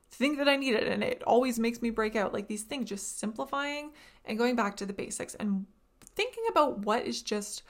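A woman talks through her podcast in a loose, rambling way, full of "like" and side thoughts. Her voice sits in the middle range with a noticeable gravelly fry. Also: medium pitch. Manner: chatty, rambling, lots of "like". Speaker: podcast host. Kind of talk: casual monologue podcast.

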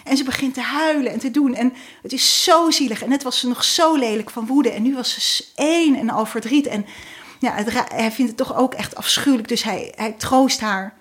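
A woman guest telling a fairy tale in a relaxed, hesitant way with many fillers. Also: on the high side, moderate pace. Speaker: guest storyteller.

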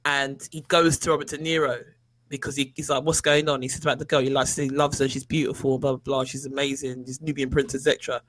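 A man, co-hosting a casual film chat and retelling scenes in an animated way. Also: medium pitch, fast, low-quality recording. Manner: animated storytelling, acts out quoted lines. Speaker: podcast co-host.

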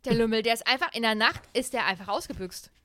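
A young woman co-hosting a podcast casually retells a book chapter, chatting with lots of fillers in a casual book-discussion format. Her voice is fairly high, fast, and sharp.

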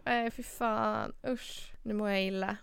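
A young adult woman co-hosting a podcast in casual chat. She is blunt, reacts quickly and swears freely. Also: medium pitch, fairly even intonation, vocal fry, clear, resonant tone, no room sound, studio quality. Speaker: podcast co-host.

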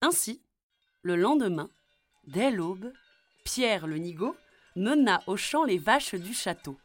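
A woman's voice: medium pitch, no room sound, faint music behind. A woman reading a children's fairy tale aloud as a storyteller. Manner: slow, expressive storybook telling.

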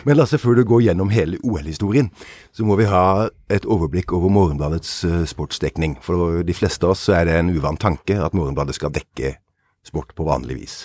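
A man with a low, raspy voice hosts a podcast conversationally. He is wordy and playfully formal, recorded dry and close. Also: darkish tone, no echo. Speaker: podcast host.

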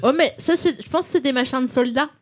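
A woman's voice: high-pitched, quick pace. A woman in casual chat, joking and rambling off into absurd tangents.

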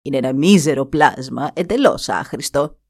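A spiteful old stepmother from a storybook, harsh and sneering, dropping her voice low to mock and rising shrill when crossed, as a woman storyteller puts her on. The voice swings widely in pitch and pushes out loud and forceful. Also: lively intonation, exaggerated voice. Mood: scornful.

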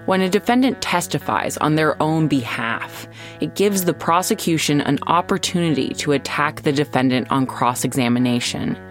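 An American woman hosting and narrating a scripted true-crime podcast in a measured storytelling way with deliberate pauses. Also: sits low, lively intonation, soft background music.

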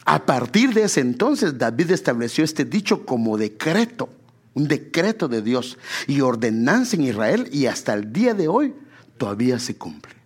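Husky animated preaching man. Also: mid-range voice, moderate pace. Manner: animated preaching with quoted asides and laughs. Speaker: pastor. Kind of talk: sermon.

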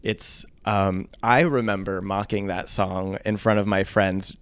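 A man's voice: sits low, fairly even intonation, a bit bright, clear, resonant tone, dry recording. A man in his thirties, a podcast co-host, chatting casually and poking fun at himself. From United States. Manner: chatty, self-mocking, quick asides. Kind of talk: casual chat.

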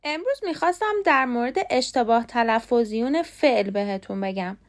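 A woman speaking Persian as a first language, hosting a short podcast lesson on English pronunciation, spelling words out slowly letter by letter. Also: fairly high pitch, expressive, soft background music. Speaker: podcast host and English tutor. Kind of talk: scripted lesson.

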